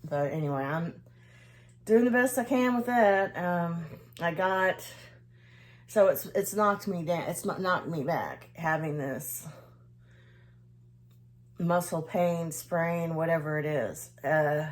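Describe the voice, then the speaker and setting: A woman's voice: lowish voice, takes it slowly, long pauses. A woman chatting casually to camera as a vlogger, in a hesitant, rambling way that trails off.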